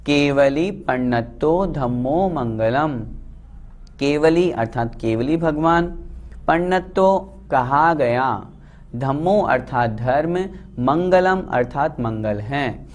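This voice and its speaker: A man teaching a religious text, reciting verses and explaining them word by word in a slow, deliberate way. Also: mid-range voice. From India. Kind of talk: scripture lesson with recitation.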